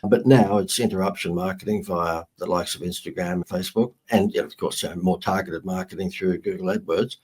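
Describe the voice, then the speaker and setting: Husky Australian man telling brash stories. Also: low voice, steady tone, a little fast, hardly any pauses, darkish tone. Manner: brash, joking storyteller. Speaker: marketing guest. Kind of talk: casual interview storytelling.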